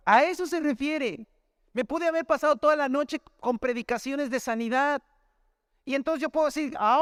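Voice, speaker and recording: A man's voice: very high voice, smooth, no echo, clean studio sound. A man with a Mexican accent, a pastor preaching a sermon through a personal testimony, talking in a conversational storytelling way and often addressing listeners as brother. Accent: Mexican Spanish.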